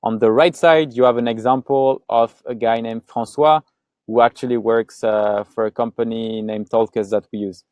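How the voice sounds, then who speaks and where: A man from Paris with a French accent presents his own results in a webinar, talking loosely and chattily with plenty of fillers and restarts. His mid-range voice is a little mellow, and the recording has no room sound.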